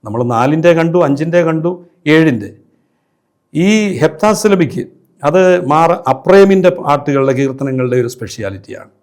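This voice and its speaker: A priest with a Kerala Malayalam accent giving a liturgy lesson, measured and explanatory, with frequent hesitation fillers. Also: male voice, on the high side, animated, a little mellow. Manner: measured teaching with frequent fillers, briefly chants Syriac hymn lines. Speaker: priest lecturer. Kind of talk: liturgy lecture.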